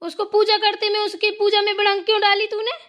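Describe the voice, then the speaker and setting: Woman as high-voiced cartoon mother-in-law, bossy, scolding, fasting and irritable. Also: fairly bright tone. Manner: scolding, bossy, repeats "theek hai na". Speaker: voice actor. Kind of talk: Hindi cartoon voice acting.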